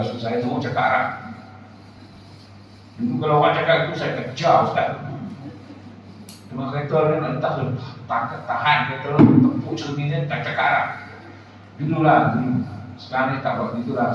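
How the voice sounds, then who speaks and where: A man with a Malaysian Malay accent teaching an Arabic class, animated and full of rhetorical questions. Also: medium pitch, moderate pace, pauses often, slight background noise. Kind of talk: lecture to a class. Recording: echoey room, distant mic, dull lo-fi sound.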